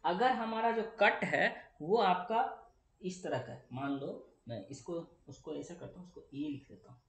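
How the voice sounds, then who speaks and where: A man's voice: fairly high pitch, a little slow, creaky, fairly bright tone. A young male physics teacher, lecturing chattily and answering his own questions for the students. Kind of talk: classroom lecture. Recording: echoey room.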